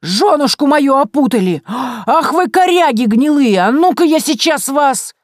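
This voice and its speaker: A woman's voice: sits high, lively intonation, unhurried, no room sound, studio quality, pitched above the performer's own voice. A woman voicing a hot-tempered male forest spirit who bellows and wails. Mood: furious. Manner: bellowing, wailing.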